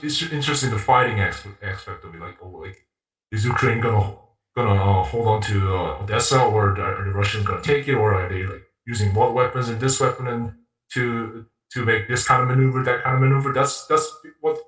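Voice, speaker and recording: A man from Canada talking in a casual conversation, halting with many restarts and fillers. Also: medium pitch, fairly bright tone. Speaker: guest, YouTuber. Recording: roomy, distant from the mic.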